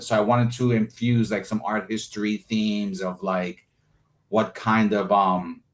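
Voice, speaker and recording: With a deep voice, a man talks casually and reflectively about how he creates his art during an interview. He frequently gropes for words, filling gaps with "like" and "you know".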